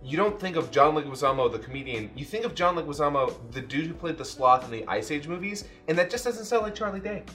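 Lively, bright-voiced opinionated man. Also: on the high side, fast talker, few pauses, faint music behind. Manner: opinionated, emphatic, restarts often. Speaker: podcast co-host. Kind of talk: casual chat.

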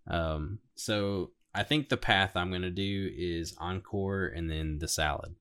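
Deep-voiced man chatting casually. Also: measured pace, fairly bright tone, clear, resonant tone. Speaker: podcast panelist. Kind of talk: casual chat about study plans.

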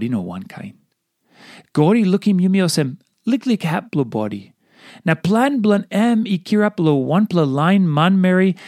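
A man with a Papua New Guinean accent reading a devotional aloud in Papua New Guinea pidgin in an expressive way. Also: fairly high pitch, dry recording, studio quality. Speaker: devotional reader.

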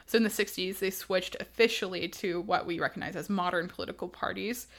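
A woman co-hosting a casual podcast, telling history quickly and animatedly with asides and laughs. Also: lowish voice, gravelly. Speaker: podcast co-host.

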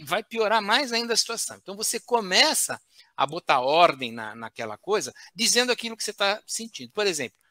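A man speaks as an expert guest on a talk show, teaching in a didactic way and ending phrases with quick tag questions. His voice is bright and lively, moving a lot in pitch. The sound is dry and close. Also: no echo. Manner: didactic, with frequent "né?" tags and restarts. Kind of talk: explanatory talk show chat.

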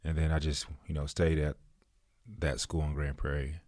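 Deep-voiced Texan guy, early thirties, easygoing and slangy, dry close mic. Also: flat delivery, moderate pace, darkish tone, dry recording. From Texas. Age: 30s. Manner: laid-back, slangy, laughs often. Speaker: guest. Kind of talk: casual chat.

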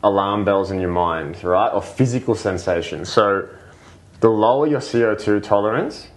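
A man with a fairly low voice talks as a guest on a podcast. He explains breathing and the body in a casual, patient way. He leans on fillers like "like" and keeps checking in with "right?". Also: normal speed. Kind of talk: casual explanatory interview talk.

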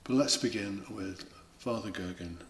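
In a lowish voice at a moderate pace, a British man who hosts a homily podcast and serves as a deacon offers an informal, partly scripted homily. It's reflective and full of conversational asides, recorded with faint background noise.

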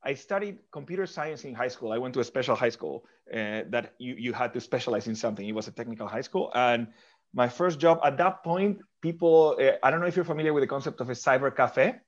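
A man from Argentina, on a podcast as a guest, answers the host's questions thoughtfully, restarting and repeating words as he reasons aloud. He talks fast with lively intonation at a medium pitch, and the recording's highs are cut off.

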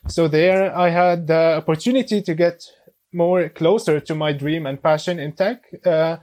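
A man in his twenties from Syria, a guest on a podcast, speaking English with many pauses, fillers and restarts. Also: on the high side, fairly even intonation, a little mellow. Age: 20s. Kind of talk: casual interview.

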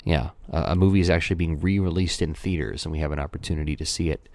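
A man with a very low voice talks casually as a podcast co-host. He often stumbles and repeats a word before getting going. The recording is dry and close. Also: fast, darkish tone, dry recording. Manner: hesitant, repeats words when starting. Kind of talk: casual film discussion. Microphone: headphones and podcast mic.

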